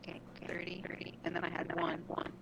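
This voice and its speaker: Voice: medium pitch, monotone, quick pace. A tabletop game player on a wireless headset whose voice comes through garbled and underwater-sounding, flustered and repeating words. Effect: garbled, underwater-sounding headset audio. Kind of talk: casual chat. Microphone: wireless headset over a call. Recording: noisy, garbled headset connection.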